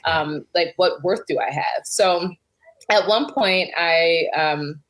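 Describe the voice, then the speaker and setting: Thirties woman guesting on a podcast, kinda low voice, chatty and open, laughs a lot. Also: slow pace, fairly bright tone, poor audio. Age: 30s. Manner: chatty, laughs often, candid. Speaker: podcast guest, joy strategist. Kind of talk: casual interview talk.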